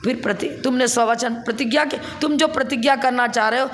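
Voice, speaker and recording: A woman's voice: fairly high pitch, fairly quick, a bit bright, slight background noise. A woman teaching a scripture class. She explains each point step by step, poses rhetorical questions and chuckles as she recites.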